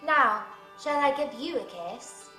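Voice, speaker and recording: A polite young girl with a soft, hushed, sweet way of speaking, read aloud by a woman. Her voice sits high and bright and moves in lively swoops. The room around her rings with echo. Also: takes it slowly, soft background music, exaggerated voice. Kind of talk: storybook reading.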